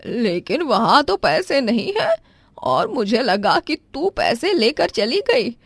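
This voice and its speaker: A woman voicing a stern, suspicious middle-aged mother-in-law who questions and scolds slowly. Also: fairly high pitch, sing-song, slightly rough, dry recording, pitched above the performer's own voice, full character voice.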